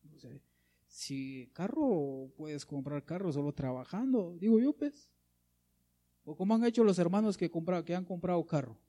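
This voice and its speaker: A man's voice: fairly high pitch, animated, moderate pace, dark tone. A man preaching a sermon, reading scripture aloud and addressing listeners as brother.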